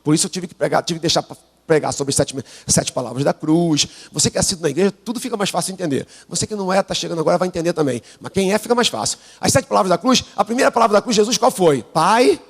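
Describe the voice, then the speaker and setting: A Brazilian pastor with a gravelly, husky voice, preaching live while unwell. His pitch leaps around, dropping to murmured asides and climbing to shouted peaks. He keeps prompting the congregation to answer, and long hall reverb surrounds every line. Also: animated, very fast. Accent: Brazilian Portuguese. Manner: call-and-response preaching, prompting the congregation to repeat; swings from low asides to shouted climaxes. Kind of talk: sermon. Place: church sanctuary.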